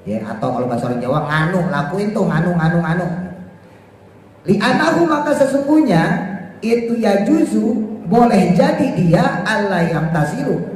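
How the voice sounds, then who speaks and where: High-voiced man teaching in echoey hall. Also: lively intonation, moderate pace, a little mellow. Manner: reads Arabic text then explains it in casual Indonesian, acting out parents scolding. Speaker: Islamic teacher giving tafsir lesson. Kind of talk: religious study lecture. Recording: very echoey hall with faint background noise.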